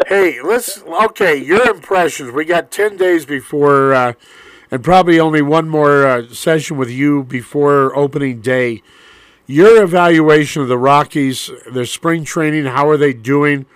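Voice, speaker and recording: A man hosting a radio show chats loosely, leaning on lots of fillers as he asks his question. His voice is a little higher than most men's. The studio sound is close and dry. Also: a little slow, clean tone, no room sound. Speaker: radio talk show host. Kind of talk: casual radio interview.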